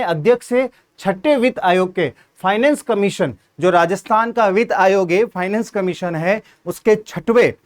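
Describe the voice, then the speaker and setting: Man, high voice, Hindi accent, exam-prep teacher, step-by-step questions and answers. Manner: explains step by step, asks questions and answers them himself. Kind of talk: exam-prep grammar lesson.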